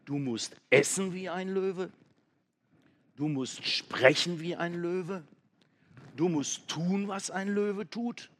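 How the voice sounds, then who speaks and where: A man voicing a clever, thoughtful male monkey who speaks brightly and eagerly. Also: sits high, slow, voice pushed up. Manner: bright, excited, raised voice.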